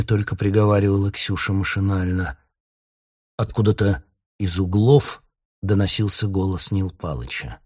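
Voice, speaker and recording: A man narrating an audiobook in a lively, dramatic storytelling manner. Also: sits low, breathy edge. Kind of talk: audiobook reading.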